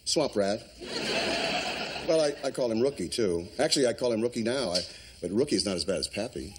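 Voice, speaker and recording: An actor playing a touchy middle-aged retired football coach with wounded pride, who complains in a whiny, self-pitying way. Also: male voice, on the low side, lively intonation, fairly quick, close to an everyday voice. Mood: aggrieved. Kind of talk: sitcom acting. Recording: sitcom recording with background noise.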